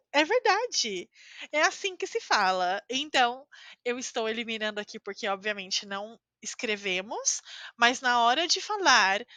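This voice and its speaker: A woman's voice: a little high, sharp tone, no room sound. A woman with a Brazilian Portuguese accent giving an online language lesson as a teacher. She speaks carefully and repeats example words for her learners. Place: living in Costa Rica.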